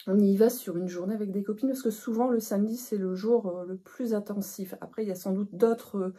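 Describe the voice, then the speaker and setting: A woman's voice: medium pitch, fairly even intonation, fairly quick, warm tone, husky. A middle-aged woman hosting a knitting podcast, chatting casually with frequent hesitations and restarts. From northern France. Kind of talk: casual chat to camera.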